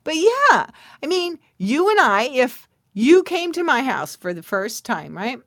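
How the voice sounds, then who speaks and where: A woman's voice: high-pitched, big pitch swings, measured pace, a bit bright, no echo, studio quality. A middle-aged woman hosting a podcast, talking casually and playfully to her listeners and dropping into whispers for emphasis. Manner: playful, chatty, talks straight to listeners with asides and laughs. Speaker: podcast host.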